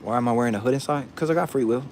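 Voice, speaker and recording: A man's voice: mid-range voice, racing, a little mellow, a little hiss or hum. A man answering viewers' questions in casual chat, blunt and profane, tossing "bro" into nearly every thought.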